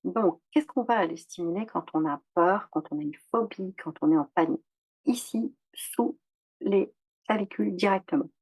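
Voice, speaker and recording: A woman coach guiding listeners through a tapping routine, calmly repeating short phrases as she demonstrates. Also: fairly low pitch, normal speed, no room sound, rough recording. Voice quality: gravelly, husky. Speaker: EFT coach. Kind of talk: instructional demonstration.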